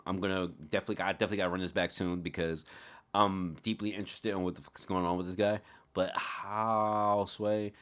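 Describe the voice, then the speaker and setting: A man hosting a casual reaction stream, reacting loudly and cursing freely as he reads. His low voice has a bright, sharp edge. He jumps between muttering and excited outbursts. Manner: excitable, swears often, talks back to chat. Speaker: streamer reading a web novel aloud.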